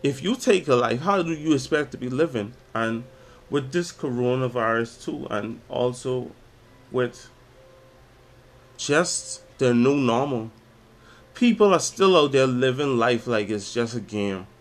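A Bahamian man in his twenties hosts his own podcast, speaking about faith and reciting spoken word poetry with dramatic intensity. His voice is medium-pitched, expressive and unhurried.

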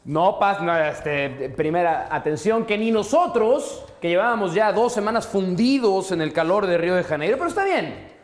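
A man's voice: high voice, animated, normal speed, roomy sound. A man with a Mexican Spanish accent, a sports commentator telling stories in a casual chat, with mock-pompous asides.

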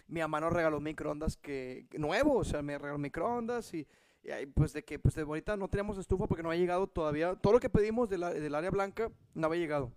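A man's voice: on the high side, quick pace, darkish tone. A young man with a Mexican Spanish accent, casually telling a story to a friend, laughing and swearing freely. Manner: laughs often, swears freely, acts out voices in stories.

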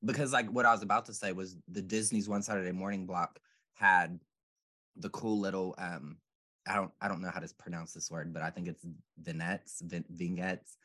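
A man's voice: low voice, steady tone, brisk, sharp tone. A man in casual chat, talking things over in a rambling, reflective way with many fillers.

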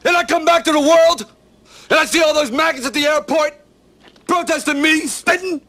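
An actor playing a war veteran soldier breaking down in a dramatic film monologue, shouting with a cracking voice. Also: male voice, very high-pitched, normal speed. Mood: anguished.

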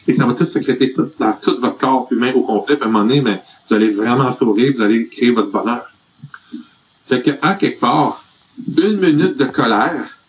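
Speaking at a medium pitch over a rough recording, a man with a Quebec French accent earnestly offers life advice to a casual group chat. He rambles, leaning heavily on fillers.

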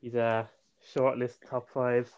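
A man's voice: medium pitch, little pitch movement, slow pace, clear, resonant tone, dull audio. A young man co-hosting a podcast, teasing and laughing in casual chat. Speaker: podcast co-host.

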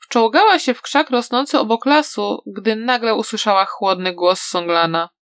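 A woman reading a novel aloud as narrator, in even, steady storytelling. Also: a little high, moderate pace, dry recording, studio quality.

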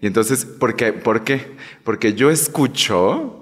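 A man co-hosting a casual podcast, talking in a hurried, self-mocking way. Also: medium pitch, lively intonation. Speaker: podcast co-host. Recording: roomy studio with long reverb.

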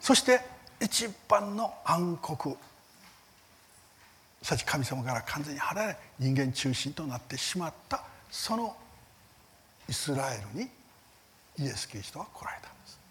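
Male Bible teacher, church seminar lecture; earnest, emphatic, with rhetorical questions and a very animated, rising and falling pitch. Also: unhurried, pauses often, slight background noise. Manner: lively rises in pitch on key words, soft fading line ends.

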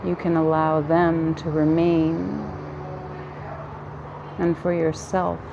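A woman guiding a yoga nidra relaxation in a calm, soothing, gentle manner with long pauses between phrases. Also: low voice, vocal fry, lo-fi sound, background noise. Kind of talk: guided relaxation meditation.

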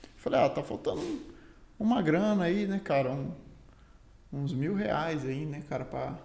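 As a guest, a Brazilian Muay Thai fighter and instructor tells a story in relaxed, slang-filled talk dotted with fillers. His Brazilian Portuguese-accented voice sits on the high side, creaky and darkish, at a measured pace. The room sounds echoey.

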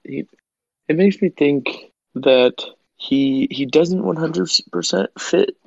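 A man's voice: fairly high pitch, slow pace, creaky, darkish tone, no echo, highs cut off. A man in casual chat as a podcast co-host, laid-back and jokey.

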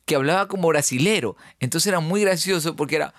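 A man's voice: fairly high pitch, fast talker, dry recording, studio quality. A man, co-hosting a podcast in loose, joking talk that swears freely and often breaks off to restart. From Ecuador. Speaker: podcast co-host. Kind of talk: casual podcast chat.

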